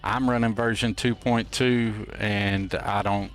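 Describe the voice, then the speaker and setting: A man's voice: fairly low pitch, fairly even intonation, slow, soft background music. A man hosting a game stream with casual, folksy, playful and rambling commentary. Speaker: host of a gameplay livestream.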